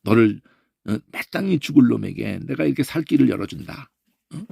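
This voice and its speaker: A male Bible teacher lectures with a gravelly edge to his voice. He talks in an animated way and keeps checking in with quick "eh?" tags. The recording is dry and close, with no room sound. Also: mid-range voice, no echo. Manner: animated, peppers talk with questioning "eh?" tags.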